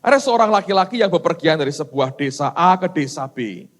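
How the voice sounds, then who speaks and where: A man preaches a sermon and tells his story with lively animation. His voice sits high and swings widely in pitch. He jokes and keeps turning to the congregation. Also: brisk. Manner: animated, joking, addressing the congregation. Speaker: pastor.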